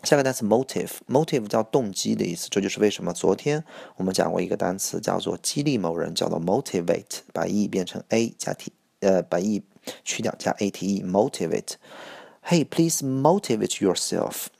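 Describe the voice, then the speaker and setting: A man teaching English vocabulary for an exam, repeating each word slowly and explaining it in Chinese. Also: sits low, vocal fry, a little mellow, breathy edge, dry recording. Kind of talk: IELTS vocabulary lesson.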